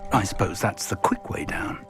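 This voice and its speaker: A man voicing a curious male student wizard companion in a video game, speaking low and calm. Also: unhurried, over music.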